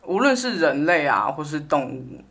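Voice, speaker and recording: A woman with a Taiwanese Mandarin accent, co-hosting a casual chat and telling a story with lively impressions. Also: moderate pace, gravelly. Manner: animated storyteller, acts out her mother in a high voice. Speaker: podcast co-host.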